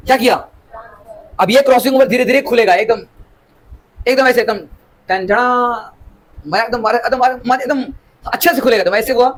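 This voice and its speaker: Using English terms, this man teaches biology to a class, tossing out rhetorical questions to hold attention and drawing on everyday, homely examples. His voice is very high-pitched, and the audio is poor.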